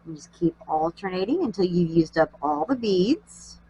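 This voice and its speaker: This craft tutorial host speaks at normal speed in a low, dark voice with lively intonation, sounding nasal and congested from allergies. She chats warmly while working, over poor audio with a bit of hiss or hum.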